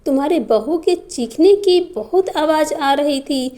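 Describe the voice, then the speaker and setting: A meddling middle-aged neighbour woman pries into family business and scolds reproachfully, read by a woman narrator. The voice runs high, with a mellow tone and an unhurried pace. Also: expressive. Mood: prying. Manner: prying and reproachful.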